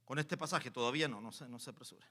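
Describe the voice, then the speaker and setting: A man preaching a sermon in church as pastor, swinging from quiet asides to loud exhortation and calling the congregation to repeat after him. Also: medium pitch, quick pace.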